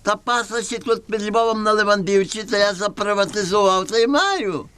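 A man's voice: sits high, moderate pace, noisy background, close to an everyday voice. A man voicing a pleading, exclaiming village peddler with a Galician western Ukrainian accent in a folk puppet play. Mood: wheedling. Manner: exclaiming, folksy, appealing to the crowd. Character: pleading, wheedling village peddler trying to sell his goat. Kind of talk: folk puppet theatre performance.

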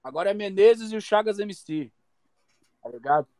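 A man's voice: high-pitched, lively intonation, moderate pace, mellow, dry recording, studio quality. A man, hosting a rap battle on a video call in casual slang. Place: small room at home.

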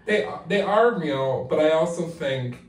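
A man in his forties, a playwright, is interviewed candidly while sitting in a bathtub, musing reflectively with plenty of "like" fillers. His voice is a little high and expressive, a touch slow, and it echoes in the bathroom, caught by a far-off camera.

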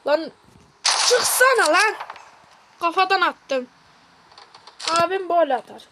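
A woman gaming streamer giving live gameplay commentary, excitable and yelping repeated words in tense moments. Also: extremely high pitch, slow pace, background noise. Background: loud game music and gunfire.

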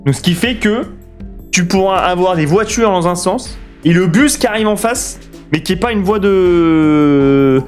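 A young French man streams a city-building game, chattering excitedly, cursing at traffic and answering his viewers. His voice sits a little high. Soft guitar music plays faintly underneath. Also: measured pace. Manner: excitable, swears a lot, talks to chat. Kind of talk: live city-builder gameplay commentary.

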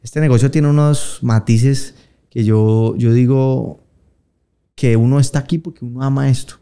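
A man in his thirties with a Colombian Paisa accent, chatting casually in an interview, slangy and relaxed, acting out the voices of people he quotes. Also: mid-range voice, measured pace, clean tone. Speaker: interviewed singer.

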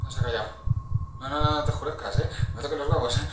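A man's voice: on the high side, quick pace, roomy sound, distant mic, background noise. A man with an accent from Spain nervously commentating a horror game, swearing a lot and yelping at scares. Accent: Spain Spanish. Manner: jumpy, swearing, nervous chatter with sudden yelps. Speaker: gaming youtuber.

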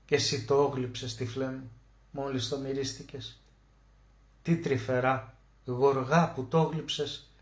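A man narrating a literary short story as an audiobook, emotive, slowing down to stress key words. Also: mid-range voice, flat delivery. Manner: emotive, with slow drawn-out emphasis on key words. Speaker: audiobook reader. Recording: roomy echo.

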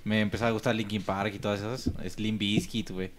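A man with a Mexican accent tells animated stories in a casual podcast chat, laughing often. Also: on the low side, fast, heavy background noise.

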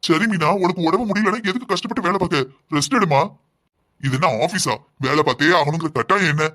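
A man voicing a gentle, naive husband in a cartoon, soothing his wife. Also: on the high side, fairly quick, voice pushed down.

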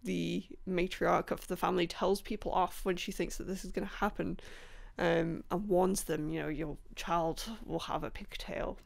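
A woman chatting casually about books she has read, rambling with many ums, apologizing and laughing softly, her voice a bit rough. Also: lowish voice. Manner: apologetic, laughs between points. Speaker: book vlogger. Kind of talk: casual book review chat.

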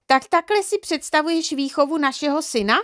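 Rozhořčená, přísná maminka se zvýšeným, ostrým hlasem, která hubuje a vyčítá, jak ji předčítá žena v audioknize. Hlas je posazený výš a hlasitěji, se zrnitým chrapotem, nahraný suše a zblízka. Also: female voice, sing-song, vocal fry, no echo, studio quality, full character voice. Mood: angry, scolding. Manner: scolding, shrill and emphatic. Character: stern, indignant mother of a small boy. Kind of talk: audiobook character reading.

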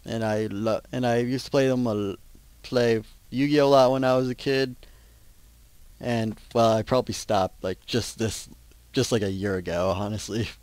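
A man's voice: mid-range voice, normal speed, a little mellow, no echo. A teenage young man from Minnesota, chatting casually over gameplay in a rambling, self-interrupting way. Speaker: gaming channel host.

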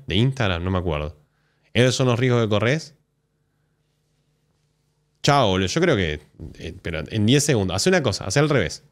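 A man with an Argentine accent, hosting a live stream and reacting to clips in blunt, sarcastic, profanity-heavy commentary. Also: mid-range voice. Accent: Argentine Spanish. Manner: blunt, sarcastic, swears often.

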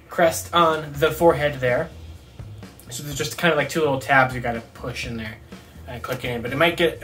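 Indoors in a small room at home, a young man chats casually to camera while unboxing and reviewing a toy. His voice is medium-pitched with a fairly bright tone. He rambles and thinks out loud.

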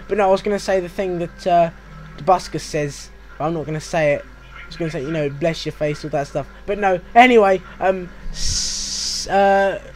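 High-voiced British guy rambling over gameplay. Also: slight background noise. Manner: rambling, self-mocking, chatty. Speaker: gaming walkthrough host. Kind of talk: casual game commentary.

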